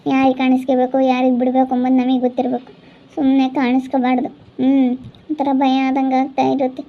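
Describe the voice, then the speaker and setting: In a dull lo-fi recording, a woman vlog host speaks fast with a high voice and completely flat delivery. Her rural Chitradurga Kannada accent colors casual chat and a channel sign-off delivered insistently, urging and consoling.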